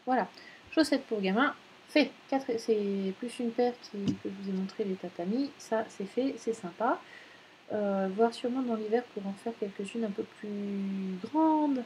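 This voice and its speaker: A woman's voice: mid-range voice, measured pace, darkish tone, slight background noise, low-quality recording. A woman in her thirties chatting casually at home as a knitting vlogger, rambling with many fillers and self-corrections. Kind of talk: casual chat.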